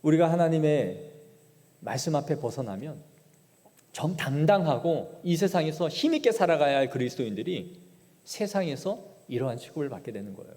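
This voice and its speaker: A male pastor preaches in a church sanctuary, retelling scripture with dramatic paraphrase. His voice is mellow and dark, and his pitch rises and falls a great deal. A long church-hall reverb trails behind every phrase. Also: big pitch swings, moderate pace. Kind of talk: sermon.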